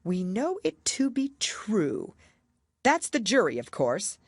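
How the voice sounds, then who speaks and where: A woman's voice: mid-range voice, huge pitch swings, slow, no echo, clean studio sound, voice pushed up, heavily acted. A woman voicing a pompous, muddled storybook king who is very pleased with himself, speaking emphatically. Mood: triumphant. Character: pompous, muddled, self-satisfied storybook king acting as judge.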